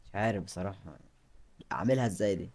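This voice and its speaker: A young Egyptian man with an Egyptian Arabic accent hosting a horror game let's play, jumping from quiet mutters to loud frightened outbursts. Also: low voice, quick pace. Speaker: gaming channel host.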